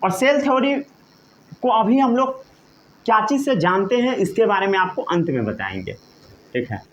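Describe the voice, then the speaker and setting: Male teacher, high and animated, slow deliberate delivery, constantly checks comprehension. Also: muffled recording. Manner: repeatedly checks understanding with short questions; slow, emphatic dictation of key terms. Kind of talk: classroom lecture.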